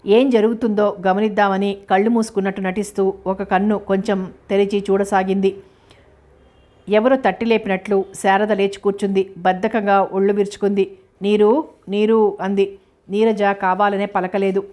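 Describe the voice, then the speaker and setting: A woman reads a novel aloud as its narrator. Her delivery is steady and even, with pitch in the middle range and very little rise and fall. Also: brisk. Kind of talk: novel reading.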